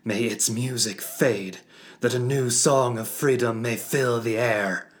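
A man voicing a stern father who loudly declaims the incantations of a dark ritual in a fantasy audiobook. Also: mid-range voice, fairly even intonation, takes it slowly, pitched above the performer's own voice, lightly acted. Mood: solemn chanting.

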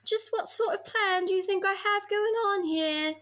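A woman reading aloud and voicing a smug know-it-all boy wizard in a mock-grand, drawn-out way. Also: very high-pitched, a bit bright, pitched above the performer's own voice. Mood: indignant.

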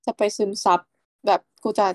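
A woman's voice: normal speed, no room sound. A young woman from Thailand, a student co-hosting a podcast, chatting casually in a blunt, slangy way with a close friend. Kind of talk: casual chat.

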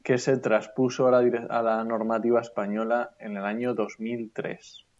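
A man's voice: medium pitch, level tone, moderate pace, a little mellow. Indignant man, lo-fi sound. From Asturias, Spain. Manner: indignant, emphatic comments. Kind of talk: casual podcast chat. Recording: dull lo-fi sound.

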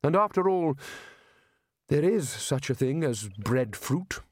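A man voicing a soft-spoken, weary male wizard. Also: a little high, animated, takes it slowly, dry recording, studio quality.

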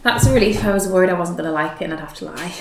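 A woman's voice: lowish voice, rapid-fire. Woman, dry teasing quips, casual podcast chat, echoey room, audible background noise. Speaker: podcast co-host.

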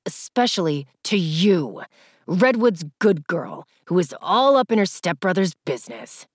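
A woman's voice: fairly low pitch, big pitch swings, unhurried, husky, no echo, clean studio sound, exaggerated voice. A woman voicing an angry young man who sneers and talks through clenched teeth. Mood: low, threatening.

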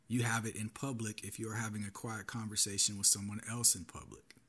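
A man's voice: on the low side, level tone, fairly quick, fairly bright tone, breathy edge. A man hosting his own podcast, giving earnest solo commentary with a warning tone. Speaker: podcast host.

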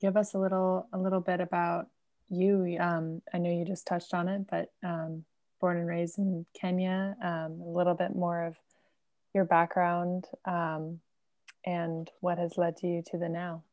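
A woman hosting a talk podcast, speaking warmly and effusively. Her voice sits low and mellow, with a dry, close sound. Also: flat delivery, a little slow, no room sound, dull audio. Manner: effusive, heartfelt introductions. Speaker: host. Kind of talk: podcast conversation.

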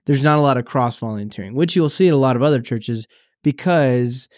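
Halting church podcast co-host, man. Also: mid-range voice, darkish tone, no room sound, studio quality. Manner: halting, many fillers and restarts. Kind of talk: casual conversation.

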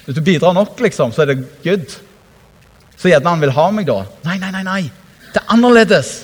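A man preaching a lively, conversational sermon, laughing often and acting out quotes. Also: high voice, slightly rough, big-room sound.

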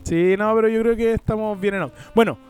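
Young Chilean man, high voice, podcast host, casual joking banter, faint music under him. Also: steady tone, fast talker, darkish tone. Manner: joking, laughs often, swears casually. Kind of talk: casual chat over a call.

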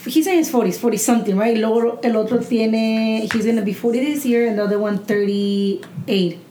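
Frank, animated woman in an echoey room. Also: a little high, moderate pace. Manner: animated, frank storytelling with swearing. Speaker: podcast participant. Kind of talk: casual chat. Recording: echoey room with faint noise.

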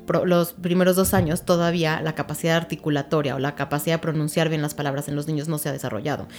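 This woman's voice sits low, with a steady tone, a darkish quality, and a fast pace, while soft music plays behind her. A child language therapist, she explains things patiently in an interview, using examples and checking that her listener understands.

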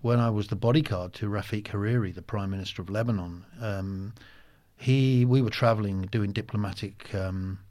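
A man in his sixties telling stories in a casual interview, halting with many ums and restarts. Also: on the low side, a little mellow. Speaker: guest, former soldier.

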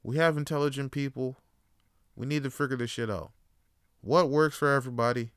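Profane man, smooth dry voice. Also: fairly even intonation, fairly quick, dry recording. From Toronto, Canada. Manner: profane, rambling, swings between loud outbursts and low musing. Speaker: podcast host. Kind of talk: solo casual rant.

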